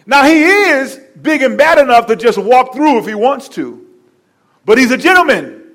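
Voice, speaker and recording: A male pastor preaching a sermon, telling stories with lively repetition and asides to the congregation. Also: very high-pitched, normal speed.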